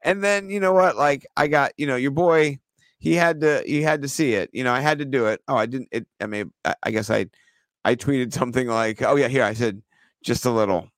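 A man co-hosting a casual podcast who laughs a lot and gets loud and excited when something strikes him as funny. His voice is mid-pitched. The sound is dry and close, with no room behind it. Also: brisk, dry recording. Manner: laughs often, animated and excitable when amused. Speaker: podcast co-host. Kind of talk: casual chat.

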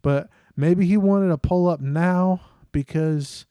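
A man in his thirties, a podcast co-host, telling a lively family story and acting out his kids' voices. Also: sits high, takes it slowly, clear, resonant tone, no echo. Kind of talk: casual storytelling chat.

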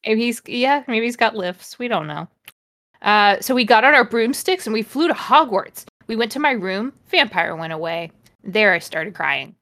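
A woman's voice: on the high side, animated, normal speed, a bit bright. A woman co-hosting a comedy podcast, reading a fanfiction aloud with dramatic flair and frequent laughter. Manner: reads dramatically, breaks into laughter. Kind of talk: casual comedic reading and chat.

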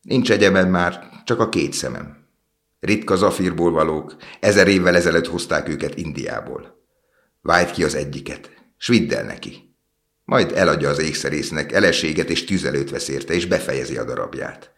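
A deep-voiced man doing a gentle sorrowful prince. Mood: solemn.

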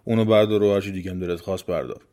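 A man voicing an old demon in a folk tale, giving orders in a measured way. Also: low voice, steady tone, dark tone, close to an everyday voice. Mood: commanding. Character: calm old male demon in a well.

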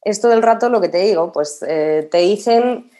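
A woman's voice: mid-range voice, moderate pace, dark tone. A woman, a guest in a casual conversation who talks emphatically and repeats words for stress. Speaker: podcast guest.

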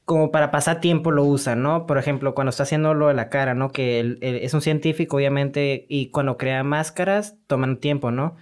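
In this mid-range voice, a Mexican-accented speaker talks about movies in a relaxed, lively way, heavy on slang, sound effects and tag fillers. Delivery is a little fast with few pauses.

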